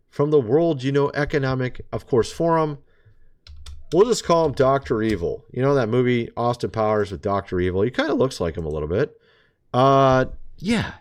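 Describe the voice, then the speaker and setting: Sarcastic man with a lively voice. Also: medium pitch. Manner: sarcastic, chatty, keeps addressing listeners as folks. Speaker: vlogger. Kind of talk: casual commentary monologue.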